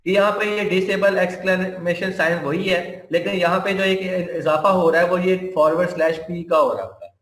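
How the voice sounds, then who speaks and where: A man gives a computer science lecture, walking through each step slowly and going over points again. His voice sits high for a man. The room is echoey. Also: a bit bright. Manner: explains step by step, repeating points.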